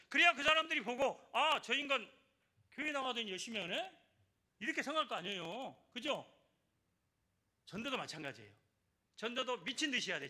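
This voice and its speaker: Older male church elder, bright and forceful, preaching and urging his listeners. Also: high voice. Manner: exhorting, repeats key phrases, asks the congregation for responses. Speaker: church elder giving testimony. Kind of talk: evangelism testimony in a church service.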